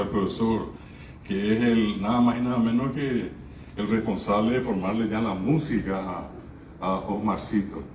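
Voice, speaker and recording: A middle-aged man gives an informal public speech at a cultural event, greeting people and often hesitating. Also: fairly low pitch. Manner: warm greetings with frequent hesitations. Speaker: guest speaker at a cultural event. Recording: echoey room, distant mic, dull and noisy.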